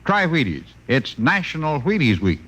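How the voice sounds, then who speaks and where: A man pitching as a sponsor's spokesman on 1950s radio, plain-spoken and folksy. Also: wildly swooping pitch, moderate pace, a bit bright.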